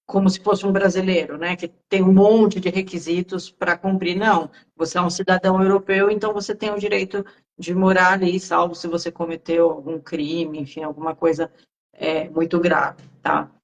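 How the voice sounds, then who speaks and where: A woman, explaining things in a relaxed, conversational way on a live-stream Q&A, with frequent fillers. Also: on the low side, moderate pace, dull audio. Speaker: guest speaker on Italian citizenship. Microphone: remote live-stream call.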